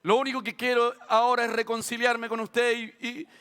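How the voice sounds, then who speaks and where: A man's voice: very high-pitched, level tone, pushed and bright, smooth. A man quoting a dying woman begging forgiveness. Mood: pleading. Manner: pleading, halting repetitions. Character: dying older woman making peace with her neighbor.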